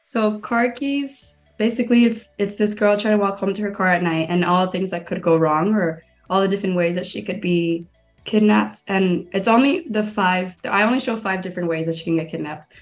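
A woman's voice: mid-range voice, a little fast, faint music behind. A young woman from Miami, a guest filmmaker and stand-up comedian, chatting casually in an interview and filling her sentences with "like". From Miami, Florida. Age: young adult. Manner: chatty, lots of "like" fillers.

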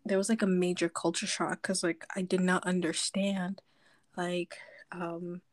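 A woman's voice: lowish voice, flat delivery, unhurried. A young woman from Zambia, a podcast guest chatting casually, telling stories with lots of likes and ums. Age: young adult.

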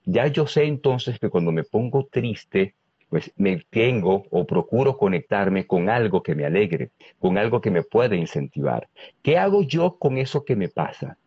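Venezuelan man, lively speaker, husky and low, dry dull recording. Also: unhurried, no room sound. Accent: Venezuelan Spanish. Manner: lively, asks many rhetorical questions. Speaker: guest speaker on emotional intelligence. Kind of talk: animated explanatory talk with rhetorical questions.

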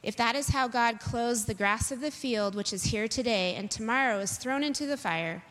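A woman preaching a sermon to a congregation, talking in a conversational, animated storytelling way. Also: fairly high pitch, moderate pace. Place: church sanctuary. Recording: long hall reverb.

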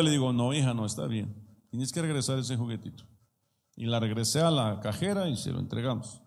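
A man's voice: mid-range voice, gravelly, big-room sound. A male pastor preaching a sermon in a conversational way, with many rhetorical questions and personal stories.

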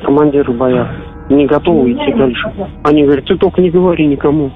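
A man's voice: a little high, expressive, fast, faint music behind. A tired soldier talking with his father, heard over a radio intercept of a phone line, telling events in short weary bursts. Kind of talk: private phone call.

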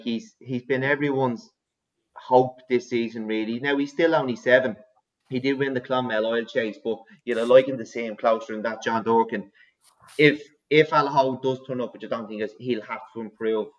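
A man giving rambling, opinionated racing tips in a casual podcast chat. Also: medium pitch. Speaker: racing tipster. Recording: dull lo-fi sound.

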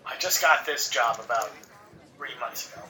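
A man voicing a grumpy, raspy, sleep-deprived man woken from sleep, giving curt, groggy replies. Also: medium pitch, moderate pace, sharp tone, reverberant, far from the mic, some chatter behind, poor audio.

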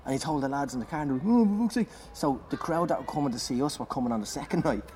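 A male comedian telling an animated, profanity-laced story in casual chat, laughing as he goes. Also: mid-range voice, very fast. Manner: animated, swears freely, laughs through his story. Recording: clear background noise.

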